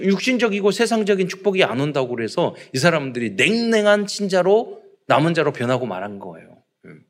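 Man, pastor, sermon, lively swinging pitch, fairly high voice, rhetorical questions. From South Korea. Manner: rhetorical questions, acted quotes of parents and children.

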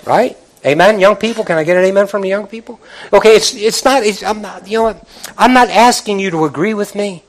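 A man's voice: high-pitched, brisk. A man, a pastor, preaching a motivational sermon to a congregation in an emphatic, exhorting, colloquial way, repeating phrases and asking rhetorical questions. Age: middle-aged or older. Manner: conversational, colloquial, direct address to listeners.

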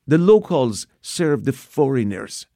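A man's voice: medium pitch, big pitch swings, slow, mellow, dry recording, studio quality. A man from Iran in his sixties with a Persian accent, earnestly telling his personal testimony with occasional restarts. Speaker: speaker giving his testimony.

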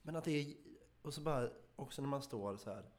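A man's voice: medium pitch, darkish tone. Male podcast co-host, casual musing delivery, easygoing. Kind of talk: casual chat.

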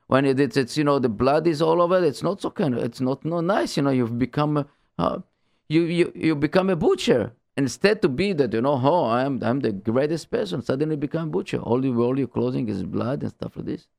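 Gravelly man teaching Torah haltingly. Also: medium pitch, no echo, clean studio sound. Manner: halting, repetitive, searching for words; animated rhetorical questions and exclamations. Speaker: religious teacher. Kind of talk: informal Torah talk.

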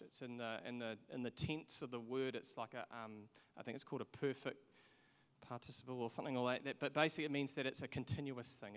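Man preaching in an echoing hall. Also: mid-range voice. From England. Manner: earnest, conversational with restarts. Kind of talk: sermon. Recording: long echo of a large hall.

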